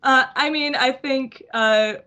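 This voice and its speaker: A woman guest on a fan podcast, chatting enthusiastically in long excited runs. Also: high-pitched, takes it slowly. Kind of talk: casual chat.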